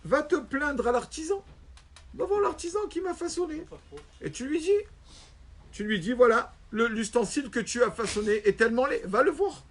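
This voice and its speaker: Scolding humble man, put on by a male teacher, high voice, indignant. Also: expressive, normal speed, fairly bright tone, full character voice. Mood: reproachful. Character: plain humble man, reproachful, stubborn.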